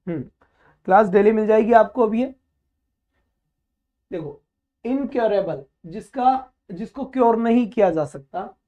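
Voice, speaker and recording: A man's voice: high voice, lively intonation, a little slow, long pauses, highs cut off. A man teaching a live online vocabulary class, drilling the students by asking a question and then answering it himself, and calling them "beta" in a friendly, instructive way. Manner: drilling, asks and answers his own questions.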